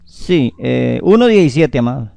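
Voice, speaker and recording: A man's voice: medium pitch, big pitch swings, measured pace, creaky, mellow, dry recording. A man preaching a sermon on the weekly Torah portion, calling his listeners beloved, interjecting hallelujah often and citing chapter and verse at length.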